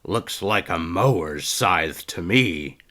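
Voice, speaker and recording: A man reading a storybook as a gruff, scarred older male trainer with a gravelly, blunt voice. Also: low voice, lively intonation, takes it slowly, pushed and bright, exaggerated voice. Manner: blunt, taunting.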